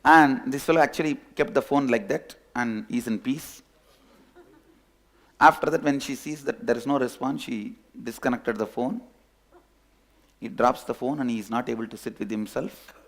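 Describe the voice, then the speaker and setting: A man with an Indian English accent, a spiritual teacher telling a parable in an animated way and acting out its characters. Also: mid-range voice, moderate pace. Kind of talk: storytelling sermon.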